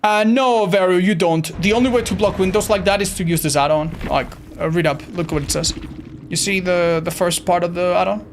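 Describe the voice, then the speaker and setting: A man with a high, slightly raspy voice chats loosely with his stream chat while he plays. He is animated and swears freely. A faint ambient hiss sits under the voice. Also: brisk. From Andorra. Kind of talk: casual live-stream chat.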